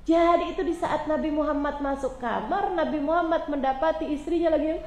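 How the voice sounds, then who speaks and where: A woman preacher telling a religious story with emotion, dropping soft and low when she quotes the figures in it. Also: fairly quick, lo-fi sound, a little hiss or hum. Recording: echoey room with faint ambience.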